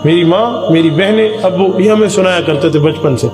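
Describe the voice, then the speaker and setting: A man's voice: high-pitched, reverberant, over music. A man preaching a sermon, speaking with impassioned emphasis that rises and falls.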